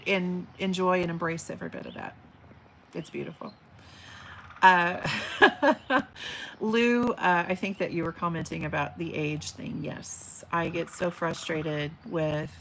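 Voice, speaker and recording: Her voice is on the low side with fairly even intonation, slow pacing, vocal fry and a slightly bright quality. As a livestream host in her forties, she reads viewer comments at home by an open window with birds outside, chatty and affectionate in a big teacher voice, full of fillers and restarts. There's a little hiss or hum.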